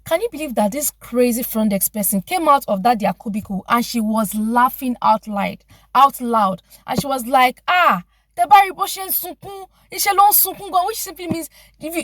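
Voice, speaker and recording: Animated Nigerian woman vlogger. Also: on the high side, no room sound. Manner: animated and emphatic, with exclamations and many restarts. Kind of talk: story time vlog.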